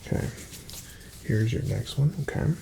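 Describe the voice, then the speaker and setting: An ASMR performer plays a doctor in a medical exam roleplay, his mid-range voice soft-spoken and breathy, often dropping to a whisper. He murmurs to the listener gently, reassuringly and unhurriedly, with background noise present.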